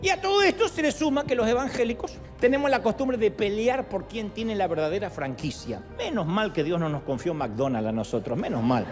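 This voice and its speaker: A middle-aged man preaching a sermon in an animated, humorous way, with sudden jumps in pitch. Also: brisk, hardly any pauses. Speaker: pastor. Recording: reverberant hall with faint music.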